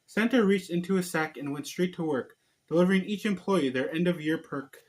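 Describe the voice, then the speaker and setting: The voice is a man's, high-pitched and a bit fast. As an online video host, he makes casual conversation and gives an amateur, slightly faltering reading of a storybook.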